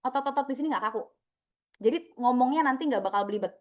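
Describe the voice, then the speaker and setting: A young woman with a high-sitting voice coaches a live video-call training session at a quick pace. Cheerful and chatty, she calls on people by name, and the recording has its highs cut off.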